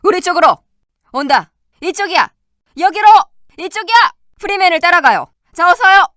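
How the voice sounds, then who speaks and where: A woman's voice: extremely high pitch, lively intonation, moderate pace, pushed and bright, dry recording, studio quality, heavily acted. A woman voicing a weary but loyal woman resistance citizen, delivering short, clipped game voice-line barks. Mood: eager. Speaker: voice actor.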